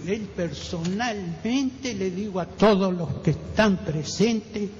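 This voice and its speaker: An older man with a Rioplatense accent giving a halting personal testimony as a radio guest, often repeating words and acting out other people's voices. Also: high-pitched. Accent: Rioplatense Spanish. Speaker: witness guest. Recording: dull roomy radio recording with faint hiss.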